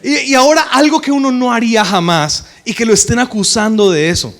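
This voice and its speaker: A man's voice: very high-pitched, fairly quick. A man preaching a sermon, telling the story animatedly and joking with the congregation. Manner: animated storytelling, acting out characters, joking with the audience.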